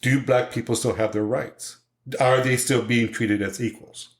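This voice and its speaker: A man in his sixties speaking as a podcast guest in a panel discussion, making measured, emphatic points. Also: medium pitch, fairly even intonation. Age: 60s. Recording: roomy echo.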